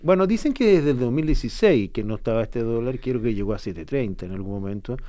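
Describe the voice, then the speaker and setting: A man's voice: mid-range voice, expressive, fast, warm tone. A Chilean man leading a casual current-affairs conversation, chatty and quoting others with little asides. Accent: Chilean Spanish.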